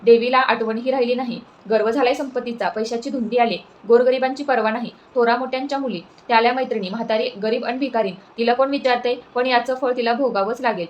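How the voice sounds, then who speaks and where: Lady doing the cranky old beggar woman, scolding, highish voice. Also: fairly even intonation, quick pace, hardly any pauses, muffled recording, lightly acted. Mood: indignant. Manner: scolding, indignant. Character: goddess disguised as an angry poor old woman.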